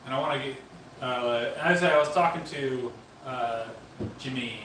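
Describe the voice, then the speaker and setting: A man's voice: mid-range voice, normal speed, a bit bright, far from the mic. A man in casual livestream chat, speaking hesitantly with many fillers. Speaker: band member. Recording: roomy echo, off-mic, noise.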